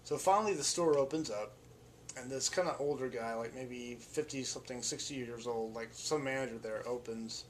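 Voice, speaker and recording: A man's voice: mid-range voice, moderate pace, slight background noise. A man in a mid-range voice tells a casual story with rambling enthusiasm and frequent restarts. He sounds like a vlogger talking straight to the camera. A faint wash of ambience sits behind him. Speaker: vlogger and musician.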